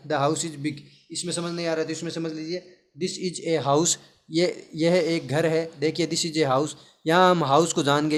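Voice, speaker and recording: A man teaching English grammar in Hindi, asking questions and answering them himself, and slowly spelling out English words. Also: a little high. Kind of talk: classroom-style grammar lesson.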